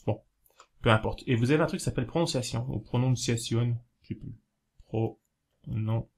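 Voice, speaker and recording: A man of ordinary pitch from France chats to his viewers in a loose, unscripted way. He wanders, restarts his sentences and fills pauses with hesitations. When he spells something out, he slows right down and takes it step by step. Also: creaky, husky. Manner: rambling, hesitant, many fillers and self-corrections; explains slowly, spelling things out while writing. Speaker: video host giving learning tips. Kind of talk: casual talk to camera.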